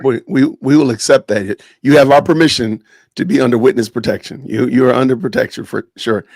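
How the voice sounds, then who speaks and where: A man's voice: mid-range voice, steady tone, a little fast, vocal fry, a little mellow, no room sound. A man hosting a live stream podcast, casual and joking, often saying "man" and "y'all", talking over a video call. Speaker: podcast host.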